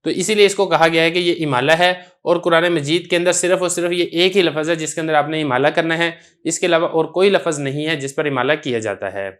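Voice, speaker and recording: A man's voice: a little high, a bit bright. A man teaching a Quran recitation lesson, patiently repeating each point and demonstrating example words aloud. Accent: Pakistani Urdu. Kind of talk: tajweed lesson explaining a text.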